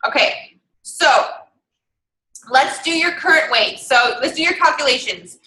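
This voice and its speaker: A woman's voice: sits high, lively intonation, unhurried, sharp tone, echoey room, rough recording. A young woman coaching an online fitness group, chatty and encouraging as she works through calorie numbers aloud.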